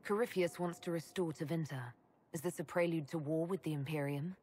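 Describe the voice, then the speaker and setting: A woman's voice: deep voice, brisk, mellow, natural voice. A woman playing a resolute young fantasy game heroine, firm and direct in her delivery. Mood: serious. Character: resolute young female chosen hero, reluctant leader. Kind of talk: dramatic fantasy game dialogue. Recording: game audio with music behind.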